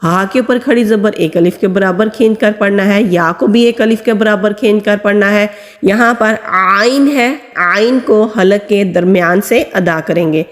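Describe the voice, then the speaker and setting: A woman teaching Quran reading, patiently explaining how each letter is pronounced and drawing out the sounds as she recites them. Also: medium pitch. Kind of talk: step-by-step recitation lesson. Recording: long hall reverb.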